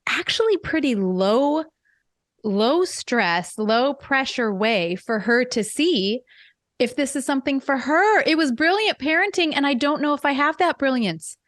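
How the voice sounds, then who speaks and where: A woman's voice: high voice, animated, unhurried, a bit bright, dry recording, clean studio sound. A middle-aged woman hosting a podcast in casual conversation, chatty with self-deprecating humor. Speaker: podcast host.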